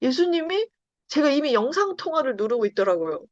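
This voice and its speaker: A pastor's wife tells her testimony with an animated, fairly high voice that rises and falls as she acts out the scenes she remembers. The sound is dull and lo-fi, with a dry, close feel. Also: a little fast, no echo. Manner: expressive storytelling, acts out quoted lines. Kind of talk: personal testimony conversation.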